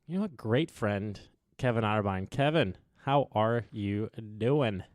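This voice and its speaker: A man's voice: on the low side, lively intonation, measured pace, dry recording. Rambling man hosting a podcast on a headset. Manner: rambling, lots of "like" and trailing thoughts. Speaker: podcast host. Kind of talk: casual chat. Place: apartment.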